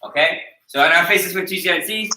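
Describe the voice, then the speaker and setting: With a high-pitched, sharp voice at a moderate pace, an American taekwondo instructor teaches his class, tacking "okay?" onto every point to check in with students. There is slight background noise, and the echoey room is recorded from a distance.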